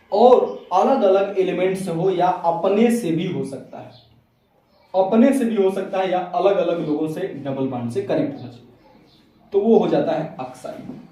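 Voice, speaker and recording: A man's voice: sits high, dark tone. A male chemistry teacher gives a classroom lecture, asking and answering his own questions step by step. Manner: explains step by step, asks and answers his own questions, calls students beta. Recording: very echoey room, mic far off.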